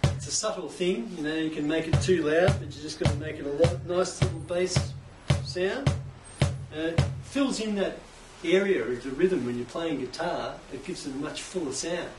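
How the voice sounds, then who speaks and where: A middle-aged Australian man with a somewhat high voice explains his craft in a relaxed, enthusiastic way. He is heard from a distance in an echoey workshop, with faint hiss in the background. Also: moderate pace, over loud music. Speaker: guest, cajon maker. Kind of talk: casual interview. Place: indoors, home workshop.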